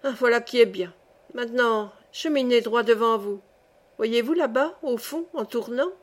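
A woman's voice: on the high side, moderate pace, lightly acted. A woman voicing a kindly old male saint who keeps the gate of heaven, speaking in a genial, reassuring way.

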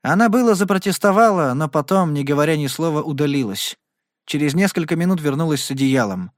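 A man in steady scripted narration, reading a Western novel as an audiobook. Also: on the high side, brisk, no room sound, studio quality.

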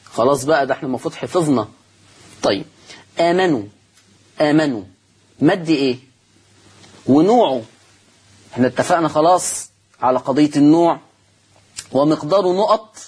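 A man's voice: a little high, slightly rough. A man with an Egyptian accent teaching Quran recitation rules on a religious TV program, explaining step by step, asking and answering his own questions and repeating the key terms. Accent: Egyptian Arabic. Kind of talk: televised religious lesson.

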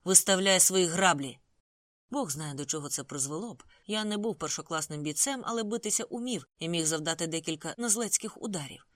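An audiobook reader telling a first-person story. The delivery is even and steady, in a middle pitch. The recording is close and dry. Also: fast, few pauses, no room sound. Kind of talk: first-person novel narration.

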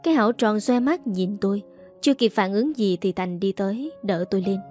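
A woman host narrating a dramatic first-person story in a measured, expressive reading. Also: mid-range voice, faint music behind.

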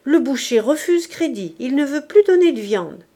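A woman's voice: sits high, big pitch swings, moderate pace, warm tone, pitched above the performer's own voice. A woman reading aloud and voicing an old housekeeper who keeps complaining insistently in a raised voice. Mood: nagging.

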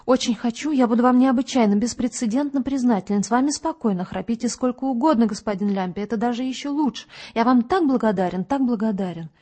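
A woman's voice: a little high, quick pace, few pauses, dark tone, close to an everyday voice. A woman voicing a timid, unhinged male investigator who apologizes endlessly and speaks tearfully. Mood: excited grateful. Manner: tearful, timid, over-polite.

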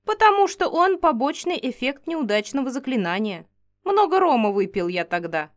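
A man's voice: very high voice, very animated, moderate pace. A woman reading an audiobook, voicing an old male wizard who lives alone and talks with weary sighs. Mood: resigned. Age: older. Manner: sighing, resigned.

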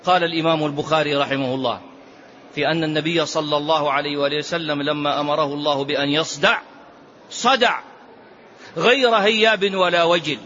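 A man's voice: fairly high pitch, steady tone, a little fast, pushed and bright. A man teaching a religious lesson on prophetic biography, reciting narrations emphatically and repeating key phrases. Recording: dull lo-fi lecture recording.

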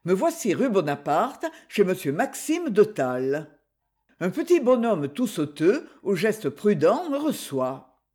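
Audiobook narrator, first-person novel, wry, unhurried, animated pitch, breathy tone.

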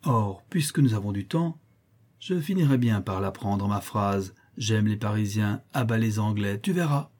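A man voicing a brash, cheeky young French sailor in a read-aloud adventure story, talking in an excited, blustering way. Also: lowish voice, moderate pace. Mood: boisterous.

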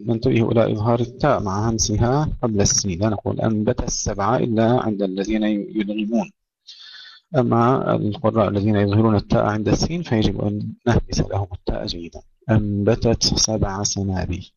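Man with a low voice teaching quran recitation, slow chanting then fast explaining, dry muffled recording. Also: flat delivery, vocal fry, a little mellow, husky, no room sound. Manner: recites verses slowly and melodically, then explains rules briskly. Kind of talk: tajweed lesson alternating slow recitation and quick explanation.

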